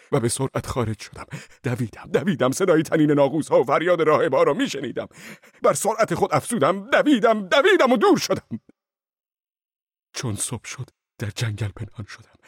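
A fervent fugitive monk in a storybook drama, played by a man, his husky voice leaping from ecstatic cries to fearful whispers. The recording is dry and close. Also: a little high, no room sound. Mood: frantic, exalted. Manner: fervent, swinging between shouts and hushed whispers. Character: frantic fugitive monk, wild-eyed and fervent. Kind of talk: audiobook drama acting.

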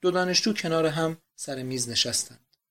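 A man narrates a novel aloud in a measured, subdued manner. His voice sits fairly high. The reading stays even and unhurried.

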